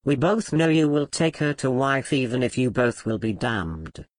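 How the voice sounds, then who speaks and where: A frail, malevolent old grandfather, as a male narrator puts him on, sly and taunting. His pitch rises and falls in a lively way, and the sound is dry and close. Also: normal speed, no room sound, natural voice.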